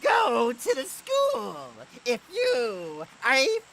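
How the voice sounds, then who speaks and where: A man putting on the voice of a cackling, gloating old witch, shrieking a drawn-out sing-song taunt. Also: extremely high pitch, huge pitch swings, fairly bright tone, slight background noise, voice pushed up, full character voice.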